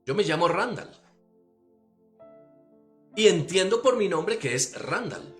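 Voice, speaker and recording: A man's voice: high voice, takes it slowly, soft background music. A man from Costa Rica with a Costa Rican Spanish accent, a pastor giving a teaching sermon and often checking that listeners follow. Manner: animated, asks listeners if they follow.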